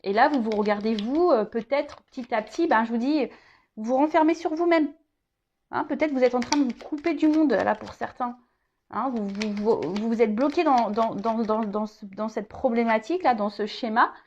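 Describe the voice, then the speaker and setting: A woman's voice: a little high, normal speed, a little mellow, lo-fi sound, slight background noise. Hesitant French tarot reader, woman. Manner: hesitant, repeats words, often adds "hein". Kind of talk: casual tarot reading to viewers.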